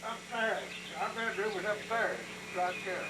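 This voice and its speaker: An old man, casually reminiscing in a rambling, halting, folksy way on a noisy outdoor recording. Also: high-pitched. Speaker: grandfather recalling his childhood home. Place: outdoors at an old log house. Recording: noisy outdoor amateur camcorder sound.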